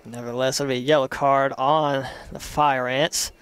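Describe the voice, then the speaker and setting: A young man calling a live college soccer match play by play, steady between plays and rising sharply on chances. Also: medium pitch, moderate pace, clear, resonant tone. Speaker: play-by-play commentator.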